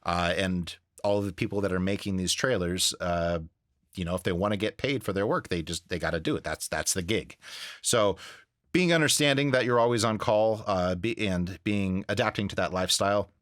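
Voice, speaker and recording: A man talking casually in an interview about his work, earnest and a bit halting, repeating words for emphasis. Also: deep voice, a bit bright, dry recording, studio quality. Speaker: voice-over artist, interview guest. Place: home studio.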